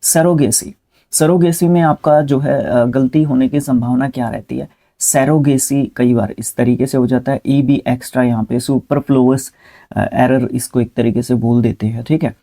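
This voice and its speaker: A man's voice: medium pitch, fairly even intonation, moderate pace, mellow. A man teaching English vocabulary in a casual spoken lesson, talking students through spellings, repeating words and correcting himself mid-word.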